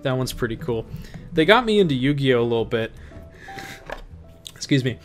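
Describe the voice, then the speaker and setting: A young man casually talking through an audio software tutorial on a desk mic at home, rambling with fillers and self-corrections. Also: mid-range voice, big pitch swings, moderate pace, soft background music. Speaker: tutorial host. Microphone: home desk microphone.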